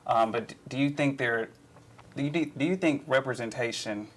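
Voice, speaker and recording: A man from Alabama hosts a casual group chat in a middle-range voice. He speaks haltingly, with many fillers and restarts. A faint hum sits behind him. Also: medium pitch. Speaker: host.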